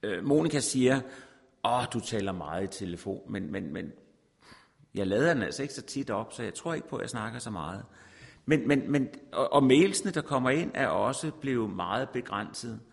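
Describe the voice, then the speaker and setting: A man's voice: mid-range voice, lively intonation, creaky. A man preaching a sermon, repeating words for emphasis and reading scripture aloud. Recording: long reverb in a large hall.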